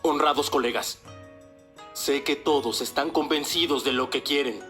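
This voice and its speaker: An actor voicing a calm, persuasive feudal official addressing colleagues formally in an anime dub. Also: male voice, a little high, moderate pace, faint music behind, lightly acted.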